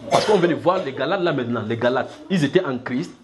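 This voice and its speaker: A man from Cameroon preaching a sermon to a congregation, lively, acting out small scenes and chuckling as he teaches. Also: fast, noisy background. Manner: lively, acts out little scenes with shifting pitch, chuckles while preaching.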